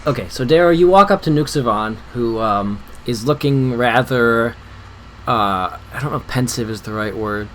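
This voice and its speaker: A man narrating as game master of a tabletop game, with a relaxed, hesitant delivery full of fillers. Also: lowish voice, slight background noise, rough recording.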